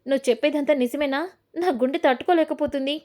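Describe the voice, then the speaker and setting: A woman voicing a quick-tempered middle-aged mother-in-law who scolds and shouts at the younger women of the house in a storytelling retelling. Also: high-pitched, steady tone, natural voice. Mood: angry scolding.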